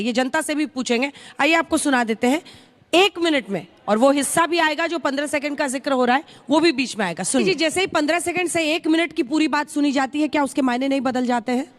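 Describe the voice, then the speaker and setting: A woman news anchor with a high voice runs a televised debate briskly. She hands the floor around and firmly cuts off panelists who talk over each other. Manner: brisk and firm, cutting in to keep order. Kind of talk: moderating a TV debate.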